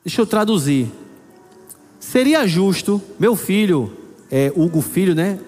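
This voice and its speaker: A middle-aged male pastor preaching a sermon, building emphasis and reading scripture slowly. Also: high voice, lively intonation, darkish tone. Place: church hall. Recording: long hall reverb with faint music.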